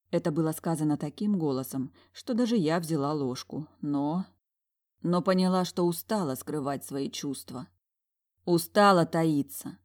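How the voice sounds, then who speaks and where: A woman narrating a first-person fantasy romance audiobook. Her voice sits fairly low. The reading stays even and expressive throughout.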